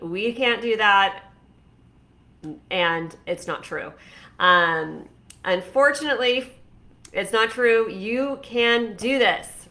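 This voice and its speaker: Slow-talking, bright-voiced woman in her forties. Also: medium pitch. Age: 40s. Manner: chatty, rambling, encouraging. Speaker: fashion stylist and coach. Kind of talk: casual talk to camera.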